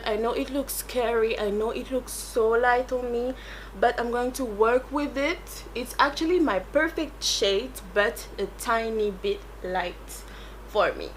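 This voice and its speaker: This beauty YouTuber, a French-accented woman whose first language is French, talks casually through a makeup tutorial and rambles while she hunts for English words. Her voice is a little high, and the rough recording has slight background noise.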